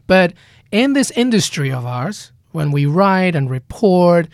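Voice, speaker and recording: A man's voice: high-pitched, very animated, unhurried, no room sound, clean studio sound. A man from Peru talking soccer as co-host, passionate, stretching his words out for emphasis. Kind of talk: casual soccer talk.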